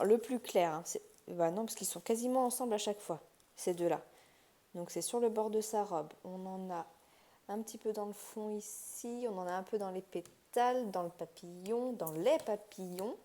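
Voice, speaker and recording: Chatty French-speaking woman, mellow voice. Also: medium pitch, moderate pace. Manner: chatty, thinking aloud, lots of fillers and restarts. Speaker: craft channel host. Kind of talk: casual unboxing commentary.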